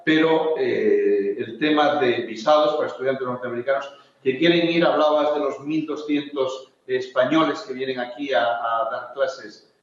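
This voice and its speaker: A man from Spain speaking on a conference panel, hesitant, with many fillers and restarts. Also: medium pitch. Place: large conference hall. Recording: echoey hall, distant, dull lo-fi.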